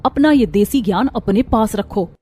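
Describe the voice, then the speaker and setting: एक महिला एक कार्टून कहानी में एक घमंडी, लापरवाह युवा माँ की आवाज़ दे रही है, तीखे और टालने वाले अंदाज़ में।. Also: female voice, medium pitch, expressive, moderate pace, husky. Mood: haughty. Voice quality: sharp, dismissive. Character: arrogant young modern wife, careless mother. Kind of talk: Hindi cartoon voice acting. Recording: light music behind voice.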